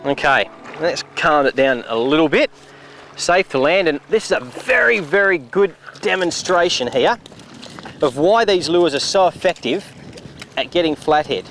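A middle-aged Australian man, pitched a little high, demonstrates fishing outdoors by a river. He explains steadily, then breaks into enthusiasm when a fish strikes. Soft music sits faintly behind him. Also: lively intonation, normal speed. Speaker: fishing show host.

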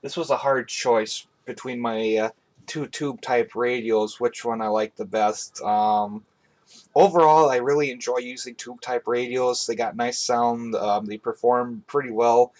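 A young man with a medium-pitched, steady, somewhat dark voice chats casually and a bit hesitantly at an unhurried pace. He's a hobbyist video host giving an informal product review from a small bedroom.

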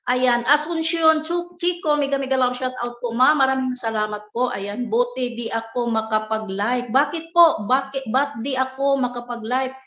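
A woman's voice: high voice, moderate pace, few pauses. A woman hosting a casual livestream, politely reading out viewers' names and greetings in a chatty way. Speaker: livestream host. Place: indoors, worker's home abroad. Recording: echoey room, dull lo-fi sound.

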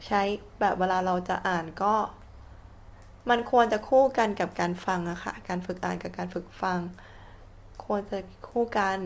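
A Thai-accented woman teaching an English lesson at an unhurried, deliberate pace. She spells each word letter by letter, then says it again and again so learners can follow. Her voice sits in a middle register for a woman. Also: medium pitch. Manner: spells words letter by letter and repeats them slowly. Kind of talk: slow, patient classroom explanation.

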